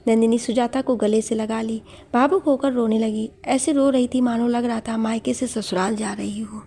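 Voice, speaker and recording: Woman narrating a story, husky and warm. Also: on the high side, steady tone, moderate pace.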